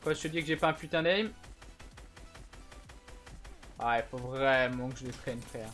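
A young man hosting a gaming channel, giving a casual gameplay tutorial in a slangy, chatty way with bursts of excited shouting. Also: mid-range voice, fast talker, soft background music.

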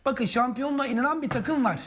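A man's voice: extremely high pitch, fast talker, fairly bright tone. An impassioned man in live football co-commentary. He openly backs his team, following each pass and urging players on in short, repeated bursts.

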